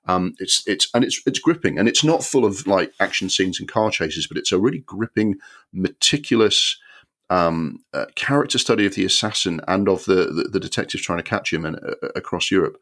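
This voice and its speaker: A man hosting a film podcast, giving an animated, exasperated review with many ums and the odd swear word. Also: deep voice, fairly quick.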